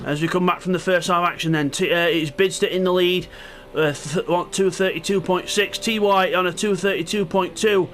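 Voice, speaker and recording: A man's voice: high voice, steady tone, moderate pace, a bit bright. A man giving live play-by-play motorsport commentary on an online sim racing event. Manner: play-by-play calling of the on-track action.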